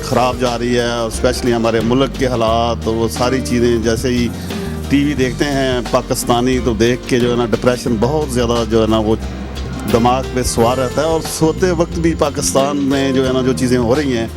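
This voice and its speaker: A man's voice: medium pitch, steady tone, over music. A man in construction answering interview questions, hesitating often with fillers. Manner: rapid, with many hesitant a fillers.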